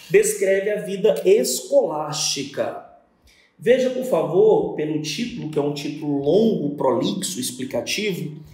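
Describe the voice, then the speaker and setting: A man's voice: on the high side, a little mellow, recorded from a distance. A man with a Brazilian Portuguese accent teaching a poetry lesson, counting lines and syllables aloud and answering his own imagined student questions. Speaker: literature teacher. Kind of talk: recorded exam-prep lesson on poetry. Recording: very echoey room.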